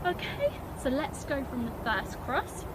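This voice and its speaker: A woman's voice: sits high, sing-song, a little slow, heavy background noise. A woman teaching a children's dance class, calling out the moves step by step and cheering the kids on. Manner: encouraging, step-by-step instruction. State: out of breath at times.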